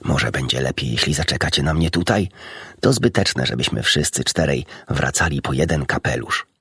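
Doctor Dolittle, a calm kindly physician, read by a deep-voiced man. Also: slightly rough, dry recording, clean studio sound, full character voice. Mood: gentle. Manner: calm, measured, restrained. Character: calm kindly middle-aged male doctor.

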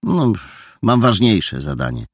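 A man's voice: lowish voice, wildly swooping pitch, takes it slowly, slightly rough, dry recording, studio quality, pitched above the performer's own voice, exaggerated voice. A man doing a sulky, aloof boy. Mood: cold. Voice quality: curt, cold. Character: aloof, sulky boy, former detective chief.

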